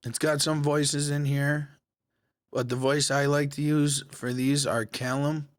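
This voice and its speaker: A man hosting a casual software tutorial, talking viewers through each step in a relaxed, conversational way. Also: on the high side, unhurried, no room sound, studio quality. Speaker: tech tutorial host. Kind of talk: screen-recorded software tutorial.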